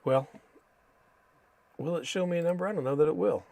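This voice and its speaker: Male stream host, American, dry close sound, casual halting map commentary, Spanish words in an American accent. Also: a little high, warm tone, dry recording. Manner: halting, thinking aloud. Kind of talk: casual live stream commentary while reading maps.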